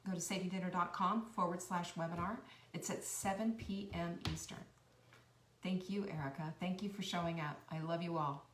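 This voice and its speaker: A woman giving an earnest, encouraging motivational talk, repeating her key phrases with a preachy cadence and swinging from bright, high bursts down to soft near-whispers. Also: fairly even intonation, normal speed, a little hiss or hum. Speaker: host of a cooking and life-tips channel. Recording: roomy echo, a bit far from the mic.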